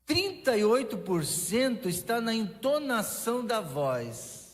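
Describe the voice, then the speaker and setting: A Brazilian pastor with a high, light voice preaches in an easy, conversational way, breaking off and restarting as he goes. His words carry a long reverb from the church hall. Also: big pitch swings, takes it slowly, faint music behind. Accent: Brazilian Portuguese. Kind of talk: sermon. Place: church sanctuary.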